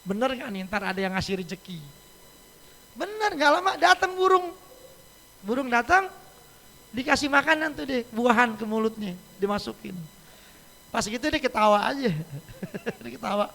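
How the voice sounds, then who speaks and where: A man's voice: very high voice, animated, normal speed, vocal fry, pauses often, pushed and bright. A man giving a casual, joking sermon as an Islamic teacher in a mosque, often laughing as he talks. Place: mosque hall. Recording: echoey mosque hall.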